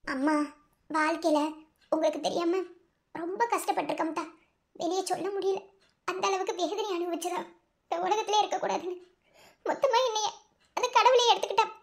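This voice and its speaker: A performer voicing a dead mother who speaks gently and pleadingly to her daughter in a dream, with a Madurai Tamil accent. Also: very high voice, brisk, long pauses. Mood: tender pleading.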